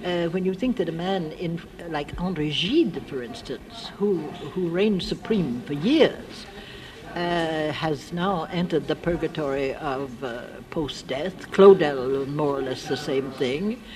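A very old woman from the United States speaking in a reflective literary interview, halting and sometimes losing her thread. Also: low-pitched, a crowd in the background. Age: elderly, very old. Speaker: interviewee, friend of the writer discussed. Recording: clearly noisy archive interview recording.

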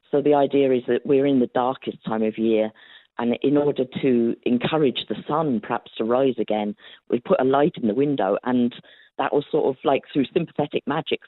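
Over a tinny, phone-like line with no room sound, a very deep-voiced woman historian chats through her interview answers. Her storytelling is loose and full of fillers, punctuated by frequent laughter.

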